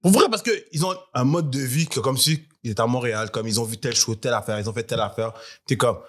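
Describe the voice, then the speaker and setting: A man hosting a podcast, chatting in a relaxed, conversational way. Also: mid-range voice, quick pace. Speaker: podcast host. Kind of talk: casual chat.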